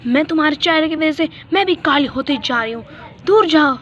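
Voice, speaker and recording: A woman's voice: sits high, fairly quick, fairly bright tone, slight background noise. A woman voicing a mean, vain older sister in a doll-play story, scolding and bossy. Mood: contemptuous. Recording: dull lo-fi recording.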